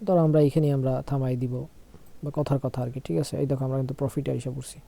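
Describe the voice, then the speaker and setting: A young man, unwell and speaking slowly, giving a casual screen-share trading tutorial and often checking "okay?". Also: mid-range voice, little pitch movement, vocal fry, mellow. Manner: slow, repeats phrases, asks "okay?" often.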